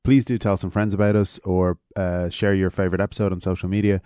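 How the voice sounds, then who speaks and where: A man with an Irish accent hosting a podcast in a deadpan comedy interview style. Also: low voice, fast talker, smooth, dry recording, clean studio sound. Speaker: podcast host.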